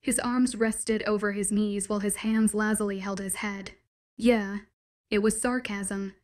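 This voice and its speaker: A woman's voice: medium pitch, steady tone, a little slow, a little mellow. A woman narrating a first-person story in a wry, conversational manner.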